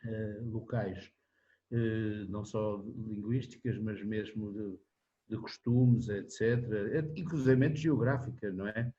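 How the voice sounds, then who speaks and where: A man in his seventies with a European Portuguese accent, answering in a relaxed interview, rambling with restarts and frequent tag questions. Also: lowish voice, unhurried, highs cut off. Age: 70s. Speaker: interviewee, singer-songwriter.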